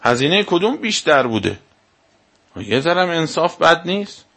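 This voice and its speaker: A man's voice: on the high side, very animated, a bit bright, husky. A male cleric giving a religious lecture to a live audience, arguing his point and firing off rhetorical questions. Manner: argumentative, fires rhetorical questions.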